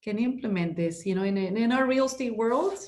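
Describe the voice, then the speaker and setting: A real estate broker from Ecuador, middle-aged, guests on a podcast in a fairly high, darkish voice at a fairly quick pace. Throughout the conversational interview she sounds passionate and emphatic, restarting frequently and leaning on "you know."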